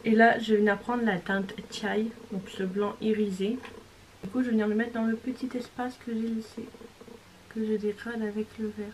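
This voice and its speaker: Woman, makeup tutorial voice-over, casual and chatty, mid pitch, faint hiss behind. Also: level tone, normal speed, darkish tone, low-quality recording. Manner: chatty, self-correcting, describing each step. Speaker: beauty vlogger.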